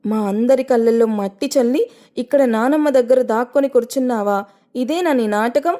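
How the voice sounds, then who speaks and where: A woman's voice: on the high side, normal speed, mellow, natural voice. A woman voicing an anguished young man who pleads and accuses in a raised voice. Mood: pleading, heated.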